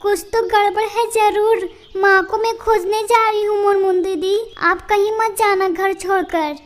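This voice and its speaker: A tiny cartoon bird girl, voiced by a woman, pleading with her mother in sobbing cries. Her voice sits extremely high and thin, and she draws each word out slowly. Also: fairly even intonation. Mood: worried. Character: young female bird, devoted, tearful younger sister. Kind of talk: Hindi cartoon voice acting.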